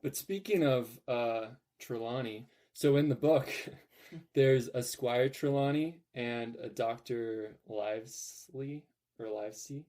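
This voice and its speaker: A man's voice: mid-range voice, takes it slowly, mellow. A young man hosting a casual podcast, talking in an upbeat, rambling way with lots of fillers. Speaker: podcast host.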